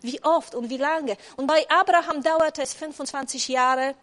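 A woman's voice: sits high, normal speed, fairly bright tone. A woman giving a sermon as a guest preacher, who was not born in Germany. She talks in a conversational way, often checks in with the audience, and restarts her sentences. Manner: frequent restarts and fillers.

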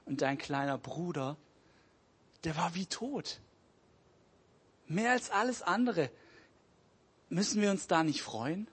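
A loving old father speaks quietly and calmly, as a preacher puts him on. His husky voice stays soft and reassuring throughout. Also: a little high, slow, long pauses, heavily acted. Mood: calm tender. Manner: calm, gentle.

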